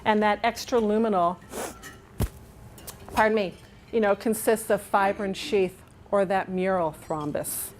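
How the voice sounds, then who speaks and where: Her mid-range voice is steady and unhurried, and she pauses often over slight background noise. The middle-aged Englishwoman, with no accent to speak of, delivers a chatty, upbeat nurse education presentation at a conference in a dining room with large windows, regularly asking listeners to agree.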